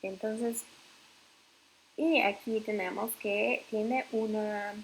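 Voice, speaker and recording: Slow, gravelly-voiced woman teaching English. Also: mid-range voice, fairly even intonation, a little hiss or hum, low-quality recording. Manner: slow, patient, with frequent fillers and self-corrections. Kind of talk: explaining grammar in Spanish.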